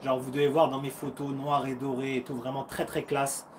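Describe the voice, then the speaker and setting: A man's voice: mid-range voice, flat delivery, moderate pace, background noise. A man in his thirties, a karate fighter and coach hosting a casual live Q&A from home, upbeat and encouraging, chatty with slang, acting out punches and footwork with little sounds. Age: 30s.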